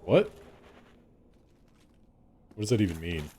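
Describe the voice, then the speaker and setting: A man playing a game on a live stream banters with his audience, rambling and cracking jokes as game music runs underneath. His dark, low voice is very animated yet slow, with a little hiss or hum on the recording.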